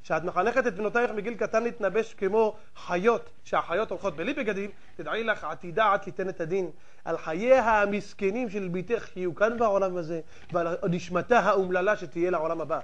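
A rabbi preaching a fiery sermon in a very high voice for a man. He fires off rhetorical questions and swings between loud outbursts and hushed asides. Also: dull audio.

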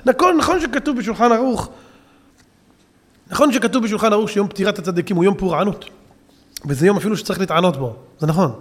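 A high-pitched male preacher delivers a sermon in a long-reverb hall. He tells his story with emphatic swings, rising to loud peaks and then dropping back to speak directly to the congregation. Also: pauses often. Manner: addresses audience as "gentlemen". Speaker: rabbi preacher. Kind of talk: Hebrew Torah sermon.

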